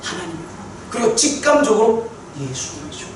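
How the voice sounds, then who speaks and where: A man preaching a sermon testimony, telling his story with animated repetition for emphasis. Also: high-pitched, brisk, background noise. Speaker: pastor. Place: church sanctuary. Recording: echoey church hall from far off.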